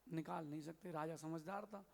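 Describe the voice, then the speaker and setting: A high-voiced man preaches a sermon as a Jain monk. He tells a folk tale with lively, acted-out dialogue. His voice rings with long reverb in a temple hall. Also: normal speed, gravelly. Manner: lively storyteller acting out dialogue. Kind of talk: sermon with storytelling.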